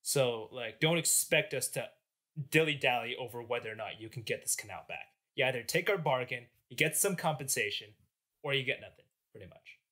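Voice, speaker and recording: A man's voice: mid-range voice, expressive, fairly quick, pushed and bright. A man voicing a defiant, self-justifying national leader in a comedic retelling of history. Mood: indignant. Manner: indignant, self-righteous.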